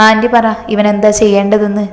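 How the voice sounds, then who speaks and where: Woman reading as a cold commanding young guy, flat even tone, roomy echo. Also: mid-range voice, a little fast, natural voice. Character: stern young man dealing out punishment.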